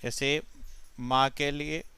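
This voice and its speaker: A man with a Hindi accent teaches English spelling, spelling each word out one letter at a time. He talks at an unhurried pace in a bright, crisp voice. The sound is dry, with no room echo. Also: on the high side, flat delivery. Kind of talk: spelling lesson explained step by step.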